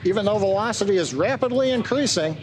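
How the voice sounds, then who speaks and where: A man's voice: high-pitched, expressive, fast. A man hosting a launch webcast with explanatory, matter-of-fact technical commentary. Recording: faint background noise.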